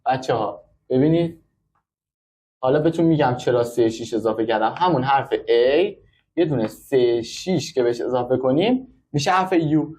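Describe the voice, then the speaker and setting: A man's voice: medium pitch, a little mellow. A man teaching braille in a classroom, explaining step by step and counting out numbers. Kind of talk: classroom lesson.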